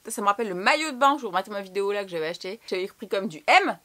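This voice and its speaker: A woman's voice: medium pitch, animated, rapid-fire, pushed and bright. A young woman from France chatting casually through a clothing haul, slangy and swearing now and then. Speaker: fashion vlogger.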